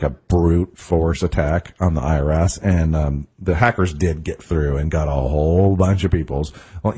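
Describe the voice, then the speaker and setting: A man's voice: low-pitched, mellow, husky. A middle-aged man, a tax attorney hosting a radio talk show, explaining things in a casual way with wry asides.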